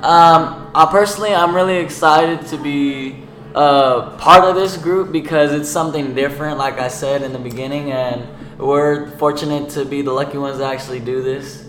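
A man's voice: fairly high pitch, normal speed, a bit bright. 17 yr old guy chatting on a student podcast, slangy, echoey room, bit of background noise. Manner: informal, slangy explaining. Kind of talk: casual chat.

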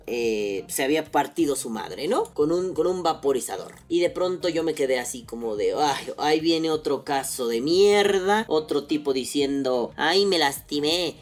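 A man's voice: on the high side, a little mellow. Mexican man, podcast host, jokey and crude, loose chatty delivery. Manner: profane, jokey, rambling. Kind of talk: casual podcast monologue.

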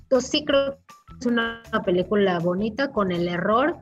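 A woman, co-hosting a casual film review chat, animated and full of restarts. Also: fairly high pitch, normal speed, highs cut off, faint music behind. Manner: animated, talks through restarts and fillers. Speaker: film podcast co-host.

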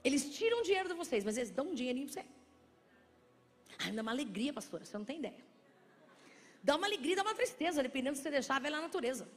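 A woman pastor delivers her sermon in a high, bright-sitting voice, teasing her congregation with jokes before easing into soft, hushed passages. The sound rings with the long reverb of a church sanctuary. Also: big pitch swings. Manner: playful, joking with the congregation; slows and softens into quiet, intimate speech.

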